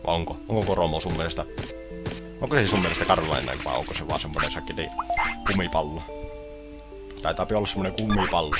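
A man's voice: deep voice, pauses often. A Finnish man playing a video game and commenting playfully, often voicing the creatures in a silly way. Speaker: let's player. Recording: loud game music behind.

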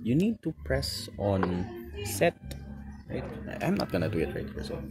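A man with a Filipino accent, outdoors beside his motorcycle, casually explaining settings step by step with fillers and quick self-corrections. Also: fairly low pitch, huge pitch swings, crowd noise. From Philippines. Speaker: motovlogger. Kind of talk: casual how-to walkthrough. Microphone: camera close to the instrument panel.

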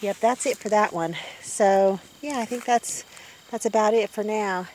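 Steady in tone and measured in pace, a woman in her fifties vlogs casually as she walks through the woods, chatting and wondering aloud. Her medium-pitched voice is a little mellow, and the handheld phone picks up slight background noise outdoors.

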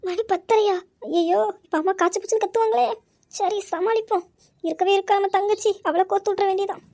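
A woman's voice: extremely high pitch, fast talker. A woman playing a lazy, cheeky daughter who whines and talks back to her mother in a comic family skit. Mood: whiny. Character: cheeky, lazy, sulky girl who oversleeps.

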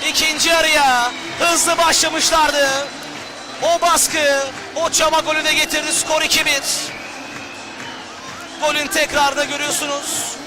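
A man giving live football commentary in a loud, excited delivery. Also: very high voice, measured pace. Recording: loud crowd and noise behind. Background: noisy football crowd.

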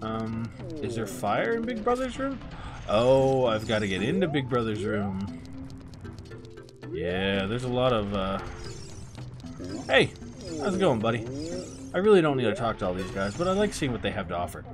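A man's voice: mid-range voice, sing-song, moderate pace, long pauses. A man giving casual, sarcastic let's-play commentary, swearing freely. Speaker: gaming video host. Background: game music.

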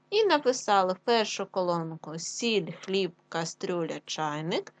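Casual slow-talking lady teacher, ukrainian accent, sounds words out one bit at a time. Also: on the low side. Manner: slow, clear, drawn-out dictation with sounds spelled out. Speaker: primary school teacher. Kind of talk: classroom lesson.

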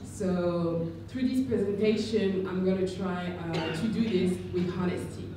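A woman from France giving a speech at a conference lectern, pausing often with fillers. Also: on the low side, warm tone, a little hiss or hum. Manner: hesitant, many fillers. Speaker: guest speaker. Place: large conference room at a lectern. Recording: echoey hall, captured from far.

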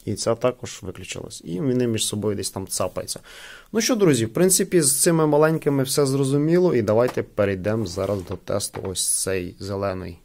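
A man demonstrates gadgets hands-on at a wooden table indoors, explaining casually and frequently going over the same points again. His mid-range voice is creaky and a little mellow, moving fairly quickly.

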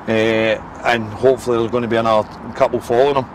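A Scottish football manager in his forties gives a frank, repetitive post-match interview outdoors beside a pitch, using lots of "eh" and "listen" fillers. His mid-range voice is flat and quick, with outdoor noise and passing traffic behind him.

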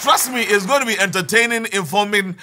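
A man hosting a radio chat show, excitable and laughing often as he mixes languages. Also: high-pitched, fairly quick.

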